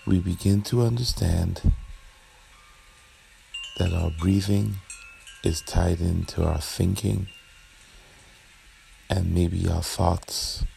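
A man with a very low, heavily creaky voice leads a guided meditation. He speaks very slowly and gently, leaving long pauses between short phrases. Ambient chimes and background noise sit under his soothing delivery. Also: steady tone.

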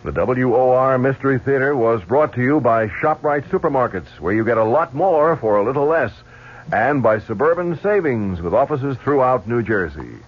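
An American man reading scripted station announcements as a radio continuity announcer. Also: mid-range voice. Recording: dull lo-fi 1970s radio broadcast.

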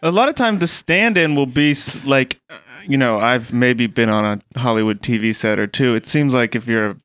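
A man's voice: mid-range voice, normal speed, a bit bright. A man co-hosting improvised comedy, adding wry asides in casual banter. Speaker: comedy podcast co-host.

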